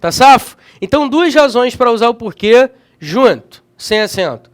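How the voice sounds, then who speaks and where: A man leads a grammar lesson for exam prep in a strikingly high voice. His pitch rises and falls all the time as he talks, keeping the delivery energetic. He keeps checking in with his students as he goes. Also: normal speed. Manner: energetic, checks in often with slangy tags. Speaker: grammar teacher.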